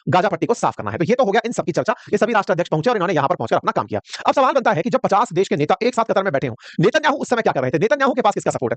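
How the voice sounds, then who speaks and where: A man giving a quick, conversational explainer on world news, addressing viewers directly in a casual way. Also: high voice, no room sound. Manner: rapid, conversational, addresses viewers as "bhai sahab". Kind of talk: fast explainer commentary.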